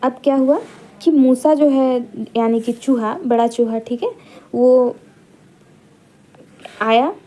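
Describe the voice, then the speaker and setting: Slow-talking woman teacher. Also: high-pitched, mellow. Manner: explains slowly, checks with students often; asks students questions. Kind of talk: exam-prep lesson retelling a folk tale.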